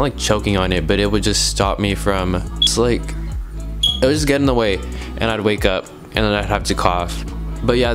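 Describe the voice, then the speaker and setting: A young man chatting casually to camera in a hesitant, rambling way, with a slight lisp from wearing retainers. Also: on the low side. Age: young adult. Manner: hesitant, rambling speech full of "like". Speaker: video blogger.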